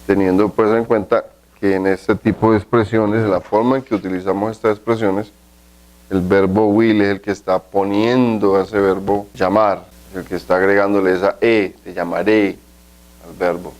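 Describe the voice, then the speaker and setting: Brief: male teacher, lowish voice, methodical explainer, slows right down for example phrases. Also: level tone, darkish tone, rough recording. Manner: slow, deliberate pronunciation of English examples; explanatory, with frequent "¿cierto?" checks. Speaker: English teacher. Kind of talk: recorded language lesson.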